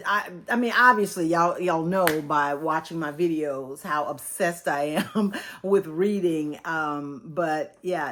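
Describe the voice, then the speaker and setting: A woman from Texas, in her fifties, gives a casual book-review vlog, rambling along in a relaxed way. Her voice is somewhat low for a woman, and she addresses her viewers as y'all.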